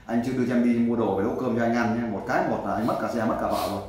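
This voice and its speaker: A man's voice: mid-range voice, racing, darkish tone. A man giving blunt, lecturing advice and cutting in often. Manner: blunt, lecturing, talks over the other man. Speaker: volunteer advisor helping a man find his wife. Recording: echoey room with faint background noise.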